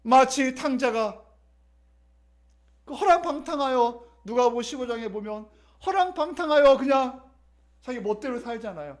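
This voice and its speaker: High-voiced emphatic Korean pastor preaching. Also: male voice, expressive, normal speed, long pauses. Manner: emphatic, repetitive preaching with congregation call-and-response. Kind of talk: sermon. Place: church sanctuary.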